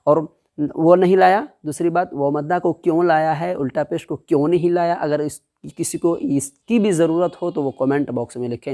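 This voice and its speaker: Teaching Quran reading one step at a time, this man slowly drills each syllable and poses questions that he answers himself. His voice is a little high and mellow.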